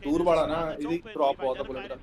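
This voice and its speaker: A man's voice: on the high side, fairly even intonation, fast, a crowd in the background. A man chatting casually on a game stream, explaining things step by step and checking that his listener follows. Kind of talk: casual chat on a game watch party stream.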